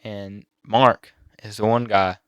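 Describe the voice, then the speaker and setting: A teenage boy talking on his own channel, emotional and halting, near tears at times. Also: lowish voice, flat delivery, clean tone, no room sound. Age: teens. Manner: emotional, halting with many fillers and restarts. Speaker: YouTuber. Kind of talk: personal vlog talk.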